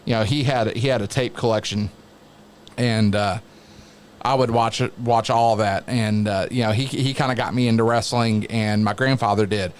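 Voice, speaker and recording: A man who works as a wrestling announcer, chatting casually as an interview guest in a halting, reflective way. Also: on the low side, fairly even intonation, a little hiss or hum.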